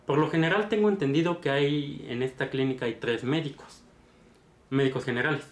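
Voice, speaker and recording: A man's voice: on the high side, brisk. Chatty Mexican man in a roomy room. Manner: chatty, meandering, tag questions. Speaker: vlogger. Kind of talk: casual storytelling. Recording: roomy echo.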